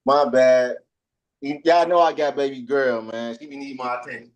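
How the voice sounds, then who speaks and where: A man's voice: mid-range voice, fairly even intonation, normal speed. A man co-hosting by remote call in a laid-back, easygoing way, his voice muffled and sounding like it comes from a tunnel. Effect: muffled remote call audio that sounds like a tunnel. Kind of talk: casual sports chat.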